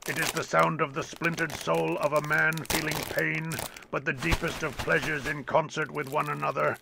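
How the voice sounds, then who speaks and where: A man voicing a hairy one-eyed monster intern who makes ominous, doom-laden pronouncements in a gravelly voice. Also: fairly high pitch, flat delivery, moderate pace, noisy background, voice pushed down. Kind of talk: puppet comedy.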